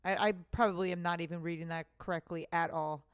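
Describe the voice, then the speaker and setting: A woman hosts a casual let's play, chatting in a self-deprecating, apologetic way into a close microphone. Her lowish, smooth voice holds a steady tone and she talks fast, with faint game music behind her.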